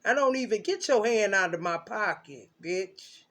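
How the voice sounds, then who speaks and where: Woman tarot reader, profane and rambling, loud bursts and mutters. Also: mid-range voice, lively intonation, normal speed. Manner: cursing, loud and emphatic, swings between shouting and muttering.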